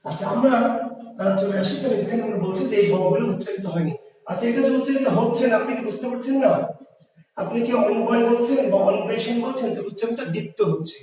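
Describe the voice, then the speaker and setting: A man's voice: very high voice, fast, mellow, heavy reverb, big-room sound, distant mic, low-quality recording. A male teacher with a Bangladeshi Bengali accent gives an online grammar lecture. He explains each point step by step and keeps asking the class questions.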